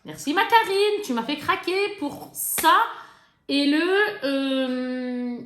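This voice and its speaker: A woman's voice: high voice, slow. A woman vlogger showing off her makeup haul in a casual, chatty way, laughing often and poking fun at herself. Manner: chatty, laughing, lively, self-mocking. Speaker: beauty vlogger. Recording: echoey room with faint noise.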